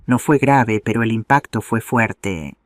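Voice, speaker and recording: A man narrating a first-person family drama in a steady, dramatic storytelling manner. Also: on the low side, measured pace, no room sound, studio quality.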